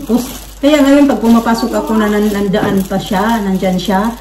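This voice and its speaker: A Filipina vlogger chats casually with her viewers, rambling along with lots of fillers and restarts. Her medium-pitched voice is steady, moderately paced and darkish, picked up far from the mic in a roomy space with faint noise.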